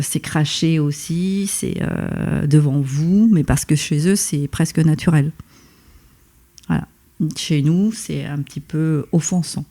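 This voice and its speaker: A woman's voice: deep voice, dark tone. Hesitant woman podcast co-host. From Vietnamese heritage, raised in France. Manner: hesitant, many fillers. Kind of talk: casual chat.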